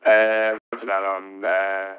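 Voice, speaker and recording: A man making halting pilot radio calls to air traffic control, heard over a radio link. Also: low-pitched, monotone, bright, forceful tone, clean tone, dry recording. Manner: hesitant, with many fillers. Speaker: pilot in a flight simulator. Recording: dull lo-fi radio sound.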